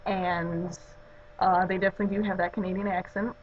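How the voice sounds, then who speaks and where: A woman's voice: on the low side, flat delivery, a little fast, muffled recording, slight background noise. A woman from the Chicago suburbs chatting in a casual vlog and reading out a word list, rambling with lots of fillers. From Chicago suburbs, US Midwest. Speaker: vlogger.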